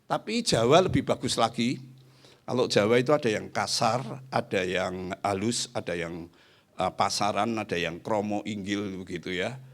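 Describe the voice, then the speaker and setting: Man, middle-aged, pastor, sermon, animated delivery, middle pitch. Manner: animated, often addressing listeners as "Saudara"; acts out quoted voices in the talk.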